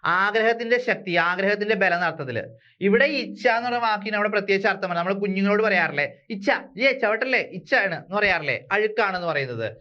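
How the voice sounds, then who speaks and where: A man from Kerala teaching an exam-prep language lesson, repeating words slowly and asking his listeners rhetorical questions. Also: high-pitched, animated, bright, forceful tone, dull audio. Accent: Malayali.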